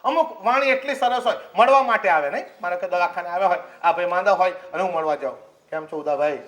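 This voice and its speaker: A male preacher with a notably high voice. He delivers his sermon as a comic story, acting out each character's lines and dropping in laughing asides as he goes. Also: quick pace, fairly bright tone.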